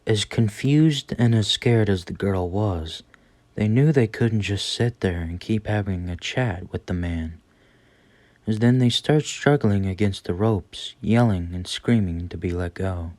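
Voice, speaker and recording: A man's voice: lowish voice, a little slow, a little mellow, no echo. A man narrating a scripted horror story as its storyteller.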